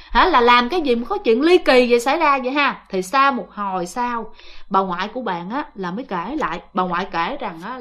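A woman's voice: on the high side, a bit bright. Chatty woman telling ghost stories. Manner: chatty, addresses listeners directly, lots of fillers. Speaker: ghost story narrator. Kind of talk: casual spoken storytelling.

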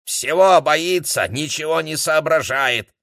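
A man voicing a cranky, sharp-tongued old grandmother who complains scornfully in a raised voice. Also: a little high, slow, vocal fry, no echo, clean studio sound, voice pushed up, heavily acted.

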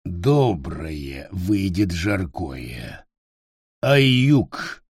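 A man voicing a gruff, dim male forest dwarf who speaks slowly and haltingly, in broken phrases, as if words were foreign to him. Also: sits low, big pitch swings, a little mellow, no echo, studio quality, pitched below the performer's own voice, exaggerated voice. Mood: menacing. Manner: slow halting broken speech.

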